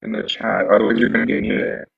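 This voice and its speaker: A man's voice: on the low side, level tone, creaky, husky, no echo, dull audio. A man hosting an online debate, his call audio glitching and breaking up over bad wifi as he presses his points. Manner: pressing, quick rebuttals. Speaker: livestream debate host. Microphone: online call over unstable wifi. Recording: garbled call audio from far off.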